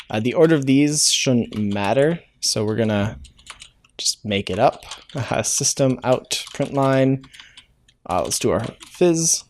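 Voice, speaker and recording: In a casual coding walkthrough, the host speaks with a mid-range, somewhat mellow voice, and the recording carries a little hiss or hum. He narrates his reasoning while programming, full of "uh"s and self-corrections, as keys clack and mice click.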